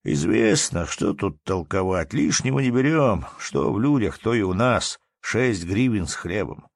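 A man's voice: on the low side, very animated, unhurried, vocal fry, dry recording, clean studio sound, heavily acted. A man voicing a lazy, sleepy peasant innkeeper who drawls as he haggles. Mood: drawling.

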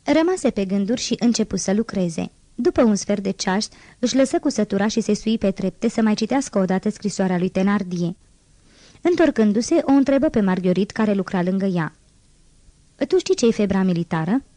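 A woman reading a classic novel aloud in a steady, measured narration. Her voice is mellow and dark, close and dry with no room sound. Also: medium pitch, dry recording. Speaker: audiobook reader. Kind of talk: scripted narration.

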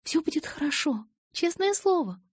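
A woman voicing a gentle but stubborn pregnant young woman in an audiobook, soft and reassuring. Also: high voice, very animated, moderate pace, no room sound, clean studio sound, voice pushed up. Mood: pleading. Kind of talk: audiobook character voice.

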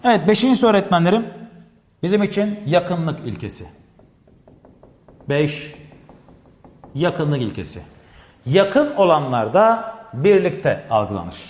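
A man's voice: a little high, sing-song, measured pace, long pauses, a little mellow. A man teaching a classroom lecture, explaining step by step, repeating key phrases and constantly addressing his listeners. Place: classroom with a board. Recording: echoey room with long reverb.

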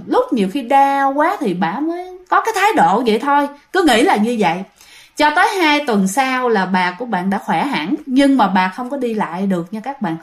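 A woman with a southern Vietnamese accent telling a ghost story in a chatty, casual way, often speaking straight to her listeners. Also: fairly high pitch. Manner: chatty, addresses listeners directly, animated retelling.

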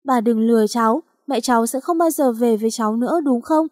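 A woman's voice: on the high side, fairly quick, darkish tone, no room sound, clean studio sound, lightly acted. A woman voicing a determined young boy who is earnest and protective of his little sister. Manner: earnest, pleading.

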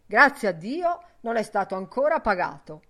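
A woman reading voicing Ben Dollard, a burly, blustering older man with a booming, gruff manner, in an audiobook. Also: very animated, normal speed, sharp tone. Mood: furious.

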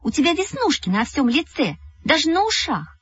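Cheeky schoolgirls trading jibes, as a woman reading puts them on, in a high, bouncing, playful voice full of teasing. The sound is dull, with faint music. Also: very animated, dry recording. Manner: teasing, giggly, quick. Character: two cheeky schoolgirls bickering.

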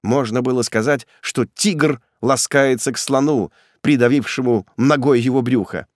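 A man narrating a classic novel in a measured, dramatic storytelling way. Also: medium pitch, no echo, studio quality. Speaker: audiobook narrator. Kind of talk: scripted literary narration.

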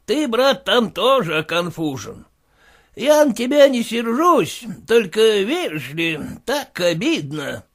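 A sly, aggrieved merchant who teases even while complaining, voiced higher and brighter by a man reading the story. The delivery is drawn out and lively in pitch. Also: slow pace, heavily acted. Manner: sly, teasing. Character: mocking, aggrieved male merchant acquaintance.

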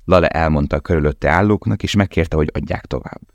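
A man reading an audiobook in a steady, measured narration. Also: a bass voice, no echo, dull audio. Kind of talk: scripted narration.

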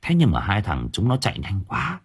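A man narrating an audiobook story in an expressive storytelling manner. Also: on the low side, moderate pace, breathy edge. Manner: expressive, swinging voice for drama.

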